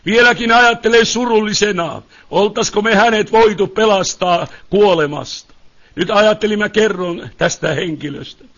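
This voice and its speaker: Fervent high-voiced male preacher. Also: a bit bright. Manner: fervent, rising to pleading cries, many asides to the listeners. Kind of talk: sermon. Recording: dull lo-fi sound.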